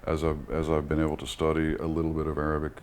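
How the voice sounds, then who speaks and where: A native English-speaking man from Texas in the United States speaks fast in a bass voice with completely flat delivery and a darkish tone. As an interview guest he's reflective, thoughtful and hesitant, searching for his words. Background noise is audible.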